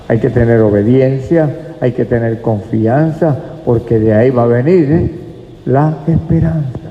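A man preaching a sermon in a church, emphatic and speaking to the congregation as brothers. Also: mid-range voice. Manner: emphatic, addresses listeners as brothers. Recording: echoey hall, dull lo-fi sound.

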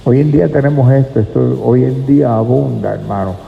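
A man's voice: medium pitch, steady tone, fairly quick, gravelly, a little hiss or hum. A man preaching a sermon in a church, emphatic and speaking to the congregation as brothers. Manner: emphatic, addresses listeners as brothers. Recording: echoey hall, dull lo-fi sound.

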